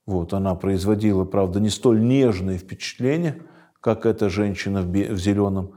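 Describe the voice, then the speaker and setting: Man, religious teacher, reflective commentary, mellow dark tone, hesitant pauses. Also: fairly low pitch. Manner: thoughtful, pauses with hesitation sounds. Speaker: religious teacher reading a book aloud. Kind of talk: reading with spiritual commentary.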